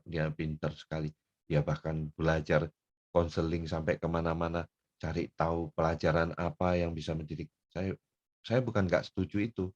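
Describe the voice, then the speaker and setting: An older man from North Sumatra preaching a folksy sermon, dropping to soft murmurs and then rising into loud, emphatic bursts. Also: deep voice, lo-fi sound. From Pematangsiantar, North Sumatra.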